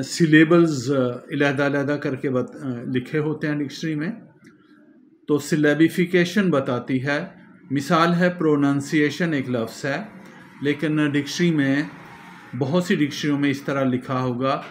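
A man lectures in a measured classroom manner, spelling out words letter by letter. His voice sits a little high and he speaks very slowly. A faint hiss of noise runs under the recording. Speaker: teacher.

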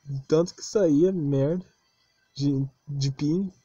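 Over game footage, a Brazilian man who creates gaming videos rants in a defensive, exasperated, off-the-cuff way. He speaks slowly in a fairly high, mellow voice with a breathy edge. The close, cheap mic gives lo-fi sound with no room sound.

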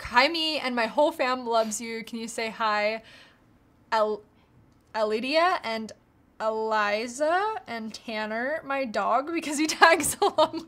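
A woman's voice: fairly high pitch, unhurried, a bit bright. A young American woman casually chatting on a livestream, bubbly and reading out viewer comments. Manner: bubbly, reads out chat comments. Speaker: YouTuber hosting a livestream.

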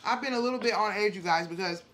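A woman's voice: medium pitch, fast talker, a bit bright, slight background noise. A woman in her forties hosting a mukbang vlog at home, chatting with viewers and acting out her own reactions. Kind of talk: casual storytelling to viewers while eating. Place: home dining room, indoors. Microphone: camera on the table in front.

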